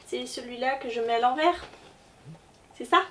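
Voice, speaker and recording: A woman's voice: a little high, normal speed, a bit bright. A woman presenting a casual book haul vlog, chatty and hesitant with lots of fillers. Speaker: book vlogger. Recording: distant mic, faint background noise.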